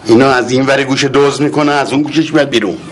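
A man's voice: mid-range voice, fairly even intonation. A man in a comedy sketch playing a stern uncle, boastful and commanding.

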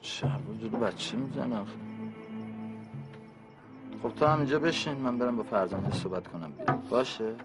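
An actor playing an addicted father who coaxes his small child softly, then shouts in fury, with music under the scene. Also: medium pitch, long pauses, lightly acted. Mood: gentle coaxing. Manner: shifts from soft coaxing to shouting. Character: man, addicted father, tender then explosive.

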